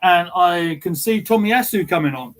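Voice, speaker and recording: A man with a high-pitched voice co-hosts a live football watchalong. He talks through the game as it happens and often restarts and repeats his words while he watches. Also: expressive, normal speed. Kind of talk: live match commentary chat.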